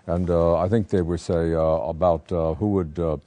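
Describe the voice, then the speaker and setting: A man co-hosting a casual political chat from a newsroom, talking in halting phrases full of fillers and restarts. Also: deep voice, level tone, mellow, no room sound. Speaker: newspaper political reporter co-hosting.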